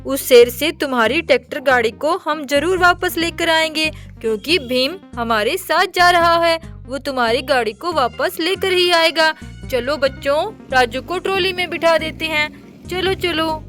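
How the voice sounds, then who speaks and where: A woman telling a toy story to children, talking to them directly and calling out to the characters in lively exclamations. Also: high-pitched, measured pace, faint music behind. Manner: exclamatory, calls out to kids and characters. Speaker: children's toy-play narrator.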